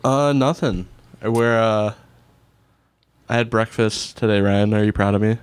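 A man's voice: fairly low pitch, unhurried, clear, resonant tone, no echo. Nervous guy guest hosting a chat, kinda shy, dry close sound. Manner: shy, self-deprecating. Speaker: guest co-host. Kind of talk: casual chat.

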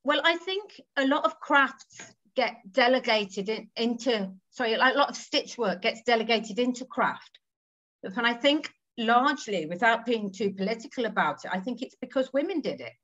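A woman's voice: on the high side, expressive, normal speed, a bit bright. A woman, chatting thoughtfully as an interview guest over a video call. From England. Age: 40s. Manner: chatty, thoughtful, trailing asides with tag questions. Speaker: guest textile artist. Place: home room with green walls. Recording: slightly dull video-call audio.

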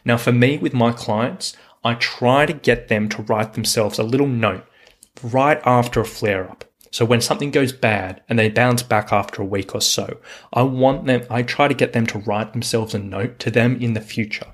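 In a mid-range voice at moderate speed, a podcast host who coaches hiking talks alone to his audience. He sounds earnest and reassuring, often repeating words for emphasis.

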